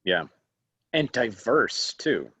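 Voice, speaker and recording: A man appearing as a guest actor, telling stories in a casual, animated chat and laughing often. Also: fairly low pitch, slow pace, breathy edge.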